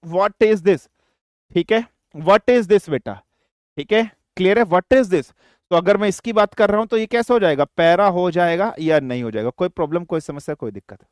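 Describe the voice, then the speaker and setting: A man's voice: high-pitched, normal speed, darkish tone, dry recording. An older man teaching a physics class online, repeating questions to his students, with a dry throat. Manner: addresses students as beta, repeats questions, mixes Hindi and English.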